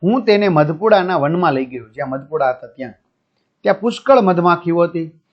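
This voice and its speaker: A man's voice: a little high, expressive, brisk. A male teacher reads a school lesson aloud and explains the answers step by step to his students. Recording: dull lo-fi recording.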